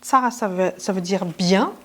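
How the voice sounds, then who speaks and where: A woman's voice: medium pitch, measured pace, a bit bright. A woman teaching a language lesson in a casual, chatty way, with many fillers and restarts.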